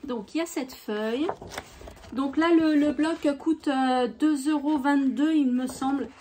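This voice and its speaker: Chatty high-voiced woman showing crafts. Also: unhurried, dark tone, slight background noise. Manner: chatty and enthusiastic, many fillers. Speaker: craft YouTuber. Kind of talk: casual product show-and-tell.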